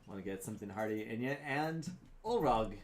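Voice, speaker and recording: A man's voice: fairly low pitch, animated, a little fast, a little hiss or hum. A man speaking casually as game master, narrating a tabletop game.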